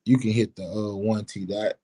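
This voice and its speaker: A man's voice: on the low side, little pitch movement, normal speed, dark tone, breathy edge. A man co-hosting a podcast, talking passionately and with plenty of profanity, filling his lines with "man" and "bruh". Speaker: podcast co-host. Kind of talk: casual podcast chat.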